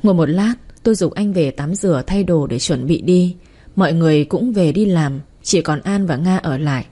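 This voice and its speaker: Husky dark-voiced woman telling a story. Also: low-pitched, moderate pace. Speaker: narrator. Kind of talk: first-person story reading.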